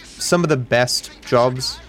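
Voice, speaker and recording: A man streaming, rambling quickly and casually with self-deprecating asides. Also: medium pitch, a bit bright.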